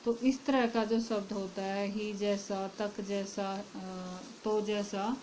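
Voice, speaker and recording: A woman's voice: mid-range voice, level tone, takes it slowly, a little mellow, a little hiss or hum, rough recording. A woman teaching a Hindi grammar lesson, asking her class questions and then answering them herself.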